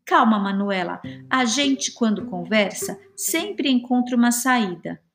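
A woman reading a storybook voices a wise, motherly cicada who explains things calmly and gently. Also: a little high, a little slow.

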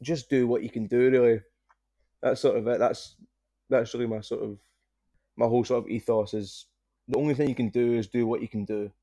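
A man's voice: medium pitch, steady tone, brisk, long pauses, mellow. A man with a broad Scottish accent, chatting casually as a podcast guest and taking care to enunciate his words. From Scotland. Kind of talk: casual conversation.

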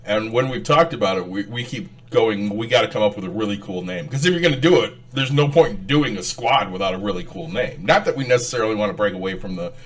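A man's voice: fairly low pitch, animated, quick pace, hardly any pauses, fairly bright tone. A man co-hosting a casual podcast, rambling and laughing often. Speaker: podcast co-host.

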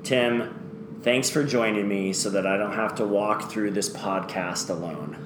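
An upbeat man hosts a casual podcast, his introductions playful and a little self-mocking. He sounds like he is in an echoey office boardroom. A steady noise hums under his voice. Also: on the low side, a little slow. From United States. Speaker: podcast host. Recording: echoey room with background noise.

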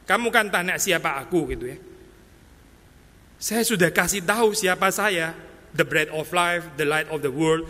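A man's voice: fairly high pitch, pushed and bright. A man preaching an expository sermon in a conversational style, slipping English phrases in and acting out exasperated voices. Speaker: pastor. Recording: long hall reverb.

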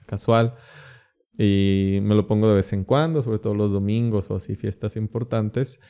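A man who is a priest, speaking as a podcast guest in casual chat, relaxed and laughing often. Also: on the low side, normal speed, clear, resonant tone.

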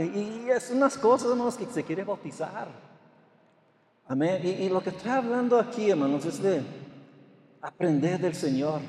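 A man's voice: a little high, a little mellow, reverberant, long reverb tail. An older man, a pastor, telling a story in a sermon with frequent amens and repeated words. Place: church.

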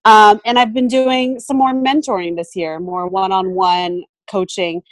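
A woman's voice: mid-range voice, level tone, a little slow, dry recording. A woman photographer and mentor chatting casually in an interview, thoughtful, with frequent ums and restarts. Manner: thoughtful, many fillers and restarts. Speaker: photographer and mentor, podcast guest.

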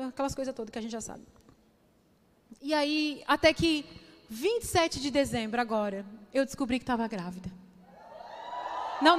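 High-voiced woman preaching in a reverberant hall. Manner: emotional, confiding, addresses the crowd as "gente". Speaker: pastor. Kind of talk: testimony sermon.

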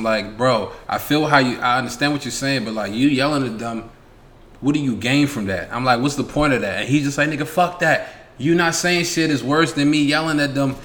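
A man from New York talking in a relaxed podcast chat. His voice sits at an ordinary pitch, and he tells stories with plenty of slang and swearing. He keeps slipping into the voices of the people in his stories. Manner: animated storyteller, acts out quotes, heavy slang and swearing. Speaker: podcast co-host. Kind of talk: casual chat.

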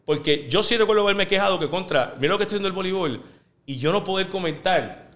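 Male guest, sports journalist from Puerto Rico; brisk, high-ish delivery, lively anecdotal chat. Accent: neutral Spanish. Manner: lively, rapid anecdote-telling. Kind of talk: casual interview storytelling.

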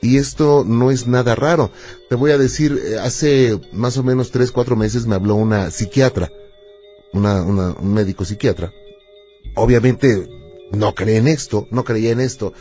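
A man hosting a call-in radio show, explaining things calmly and telling stories in a measured way. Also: medium pitch. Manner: calm, explanatory storytelling. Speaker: radio host and spiritual adviser. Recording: muffled lo-fi radio with faint music.

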